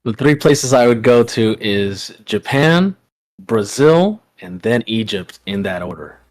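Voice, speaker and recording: A man from New York chats as a guest on a casual stream, keeping his answers short and easygoing. His voice sits a little low and stays calm. He sounds relaxed and unhurried throughout. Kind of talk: casual chat.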